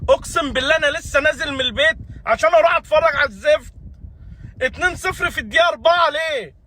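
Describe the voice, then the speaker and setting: A man with an Egyptian Arabic accent, delivering an exasperated comic rant and bursting into shouts. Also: very high-pitched, rapid-fire. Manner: exasperated, ranting, repeats "guys". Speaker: football fan comedian.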